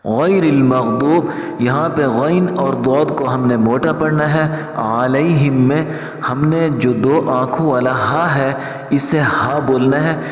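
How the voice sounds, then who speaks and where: A man teaching Quran recitation, who explains each mistake in plain talk and then chants the verse slowly and drawn out. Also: medium pitch, lo-fi sound. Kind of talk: tajweed lesson with chanted recitation. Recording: echoey hall.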